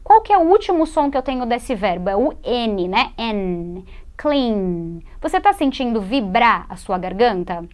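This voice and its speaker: A woman from Brazil who teaches English on television. Her voice sits a little high, and she explains patiently, repeating words and modelling the sounds slowly for her viewers. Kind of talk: TV English lesson.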